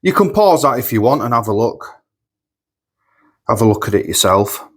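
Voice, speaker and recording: This man, mid-range in pitch with big swings, talks at a normal speed. He's filming a casual food review vlog in his home kitchen, working through supermarket food in a chatty, rambling way, repeating himself and sniffling from an oncoming cold.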